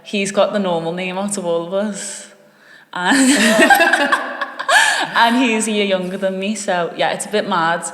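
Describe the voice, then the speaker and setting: A woman's voice: medium pitch, unhurried, fairly bright tone. Young girl hosting, chatty and giggly, trails off a lot, roomy reverby sound. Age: young adult. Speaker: podcast host. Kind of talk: casual chat. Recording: echoey room with long reverb.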